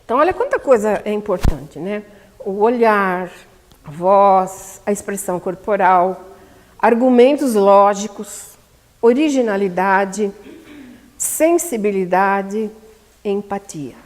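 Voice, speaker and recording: Speaking slowly at medium pitch with lively intonation, this Brazilian Portuguese-accented lecturer teaches public speaking at a spiritist center seminar. She talks emphatically and puts questions to the audience, her voice echoing with long reverb through the community hall.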